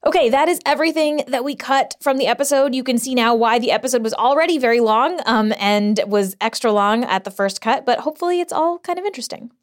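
A woman's voice: fairly high pitch, quick pace, hardly any pauses. A woman hosts a podcast, rambling casually through updates. She records huddled under a blanket fort in a closet, so her voice sounds dead and muffled. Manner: chatty and rambling, with fillers. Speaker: podcast host.

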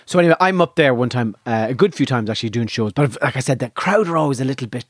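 A man with a west of Ireland accent, chatting casually and telling animated comic anecdotes with plenty of swearing. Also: mid-range voice, fast talker, no echo, clean studio sound. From County Donegal, Ireland. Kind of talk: casual chat and comic storytelling.

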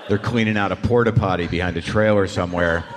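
A man's voice: low-pitched, steady tone, quick pace. An American man, a comedian and host, talking informally and profanely on stage at a live show. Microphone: stage microphone. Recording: live room with faint background noise.

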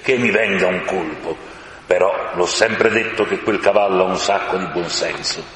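Man reading a blunt storybook cabman, deep, roomy sound. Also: moderate pace, a bit bright. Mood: amazed. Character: plain-spoken older male cab driver. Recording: reverberant room with faint hiss.

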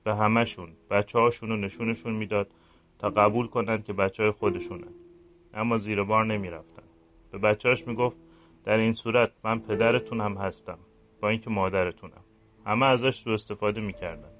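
A man reading aloud the inner confession of a guilt-ridden village priest, in a low, subdued murmur. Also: steady tone, highs cut off, lightly acted. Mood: remorseful.

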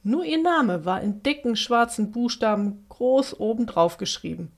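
A woman's voice: fairly high pitch, animated, measured pace. Woman reading a children's story aloud.

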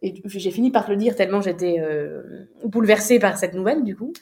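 A woman's voice: medium pitch, brisk, a little mellow. A young woman recounting a personal story in an interview, hesitant, with many fillers and restarts. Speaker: guest.

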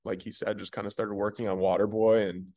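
Low-voiced founder telling stories casually. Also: male voice, little pitch movement, brisk, darkish tone. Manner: rambling, filler-heavy storytelling. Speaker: company founder, guest. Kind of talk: casual interview.

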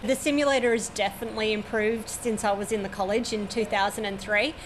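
Overlooking the runway at a regional airport, a woman in her forties with an Australian accent gives detailed, matter-of-fact interview answers about her work as an air traffic controller. She speaks fairly quickly in a mid-range voice with fairly even intonation.

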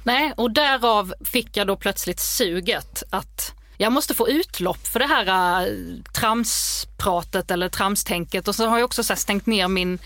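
A woman comedian with a mild Scanian accent, casually teasing in quick banter as a podcast co-host. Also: medium pitch, a bit bright, dry recording. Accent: Scanian Swedish, mild. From Skåne, Sweden.

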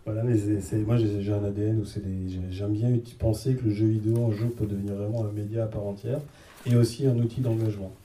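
A man's voice: lowish voice, little pitch movement, quick pace, dark tone, slight background noise. A man speaking as a panel guest, hesitant, searching for words and using many fillers. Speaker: game designer and panel guest. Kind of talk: casual panel talk. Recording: echoey room from a distance.

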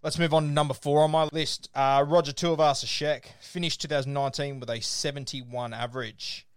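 A man's voice: on the high side, steady tone, a little fast, clean tone, no echo. Australian man hosting, close dry sound. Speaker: podcast host. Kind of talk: casual sports discussion, running through a ranked list.

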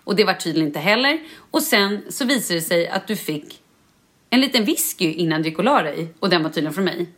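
A woman's voice: fairly low pitch, lively intonation, a bit bright. A woman hosting a podcast in casual chat, retelling a story and playfully acting out quoted messages. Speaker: podcast host.

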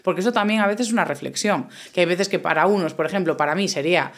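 A woman's voice: fairly low pitch, fast. A woman hosting a casual interview, thinking aloud in a reflective way with hesitant restarts. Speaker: podcast host.

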